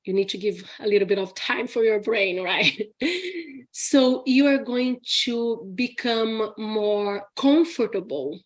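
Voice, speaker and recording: A Brazilian woman whose first language is Portuguese answers viewer questions in English during a live Q&A, as a teacher. She talks slowly and easily at a middle pitch, chatty and laughing often, frequently checking in with "okay?".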